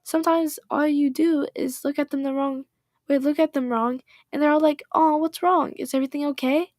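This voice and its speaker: A woman voices a blunt teenage girl from a game, high and bright, who snaps back defensively. The sound is close and dry, with no room around it. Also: steady tone, moderate pace, dry recording, natural voice. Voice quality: sharp, defensive, snappy. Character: blunt, touchy teenage girl, quick to snap. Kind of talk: reading game dialogue aloud.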